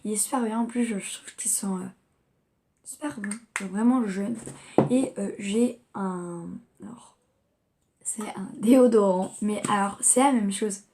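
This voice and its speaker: A woman's voice: medium pitch, unhurried, warm tone, slight background noise. A young woman chatting casually as she unboxes gifts in a home vlog, rambling with lots of fillers. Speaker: vlogger.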